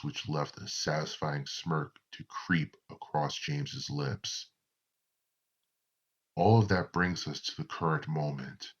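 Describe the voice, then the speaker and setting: A man narrating a horror story in a slow, deliberate storytelling manner. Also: a bass voice, a bit bright, husky, lo-fi sound.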